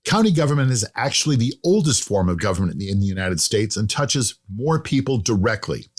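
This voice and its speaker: A man's voice: fairly low pitch, sing-song, a little fast. A man hosting a podcast, reading a friendly scripted intro and then chatting with a guest, with light jokes. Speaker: podcast host. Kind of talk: scripted podcast narration and interview.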